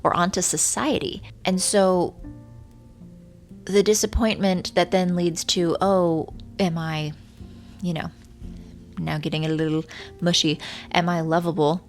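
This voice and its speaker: A woman's voice: on the low side, steady tone, unhurried, long pauses. A woman in her thirties talking casually and reflectively to her viewers in an earnest, musing way, with rain around her. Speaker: vlogger. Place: hotel room. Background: rain from a storm, faint music.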